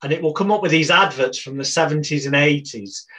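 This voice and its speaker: A man's voice: on the high side, a little fast, bright, forceful tone. A British man in his forties, a podcast guest telling life stories in a rambling, wry, anecdotal way. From Britain. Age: 40s. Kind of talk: casual storytelling interview.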